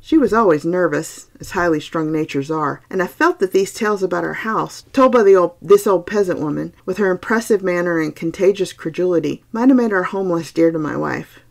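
Woman reading a ghost story on her podcast, slow and deliberate, kinda creaky voice. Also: on the low side. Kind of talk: storytelling narration.

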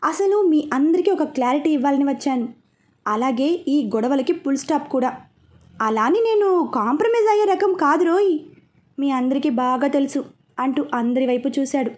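A woman's voice: sits high, animated, moderate pace, darkish tone. A woman reading a romance novel aloud, narrating it and speaking every character's lines herself. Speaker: storyteller. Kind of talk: audiobook narration.

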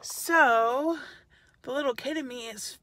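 A woman's voice: sits high, slow pace, sharp tone. A tired young woman chatting casually in a parked car, self-mocking and laughing, filmed on a phone held at arm's length. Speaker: vlogger. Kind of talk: casual vlog chat.

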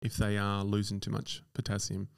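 A low-voiced man co-hosting a medical podcast. His voice has a gravelly edge over a smooth, resonant core, and he explains things plainly and matter-of-factly. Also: completely flat delivery, normal speed. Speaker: podcast co-host, doctor. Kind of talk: casual educational chat.

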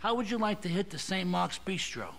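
An actor playing a smooth, commanding older mafia boss in a video game, speaking slowly and patronizingly. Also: male voice, high-pitched, a loud crowd.

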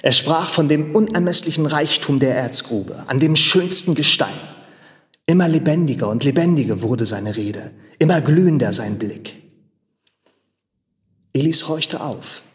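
A man giving a theatrical literary reading, telling the story in a measured, expressive way. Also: a little high. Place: large machine workshop hall in a theater. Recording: long reverb of a large hall.

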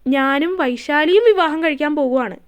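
Woman doing a teasing lovestruck young guy, high voice, storybook reading. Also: moderate pace, close to an everyday voice. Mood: coaxing. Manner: coaxing and teasing. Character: pleading young man in love.

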